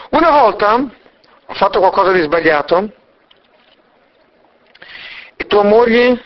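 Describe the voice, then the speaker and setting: A man's voice: sits high, lo-fi sound. A man doing a reproachful woodcutter's wife. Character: woodcutter's wife, former orphan kitchen helper, reproachful.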